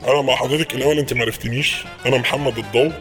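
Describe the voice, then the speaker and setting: Egyptian man in a prank call, very quick and deferential, halting and repetitive, music under the voice. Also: medium pitch, steady tone, fairly bright tone. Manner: polite and fast, with many hesitations and repeated words. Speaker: prank caller posing as an official.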